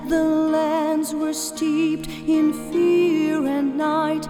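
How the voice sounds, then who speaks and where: A woman voicing a bard who half-sings an old, dark ballad. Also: sits high, level tone, drawn-out words, reverberant, in a large hall, over loud music. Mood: ominous. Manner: lilting, half-sung.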